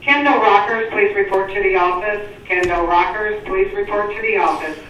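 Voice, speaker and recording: An announcer's voice comes over a school intercom loudspeaker. It sounds far off and booms with a strong echo, and there is a faint hiss under it. The announcer repeats a short call to the office. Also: moderate pace.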